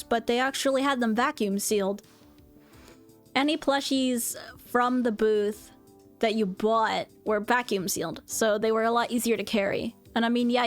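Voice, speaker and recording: A woman streamer chatting casually and rambling, with lots of fillers and restarts. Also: on the high side. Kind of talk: casual chat recounting a convention.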